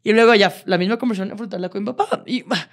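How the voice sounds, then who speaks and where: A woman, co-hosting a podcast and telling personal stories in a lively, laughing, swear-sprinkled way. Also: medium pitch, fast talker. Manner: lively, laughs often, swears casually, many restarts. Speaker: podcast co-host. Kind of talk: casual storytelling chat.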